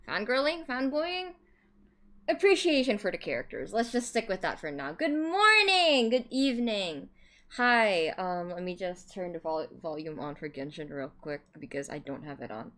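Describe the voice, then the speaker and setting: A woman livestreamer chatting casually in a cute, excitable, giggly anime-streamer way, rambling as she goes. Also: mid-range voice.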